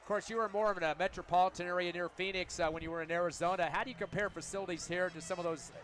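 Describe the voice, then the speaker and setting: A man's voice: high-pitched, steady tone, rapid-fire, a bit bright. A man hosting a halftime broadcast interview from a stadium press box, chatty and folksy, joking with his guest. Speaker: radio sports broadcaster.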